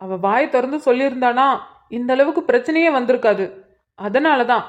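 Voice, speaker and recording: A woman's voice: sits high, lively intonation. A fretful young cartoon man. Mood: worried. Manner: rushed, fretful questions. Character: anxious young man, hurried and worried. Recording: dull lo-fi recording.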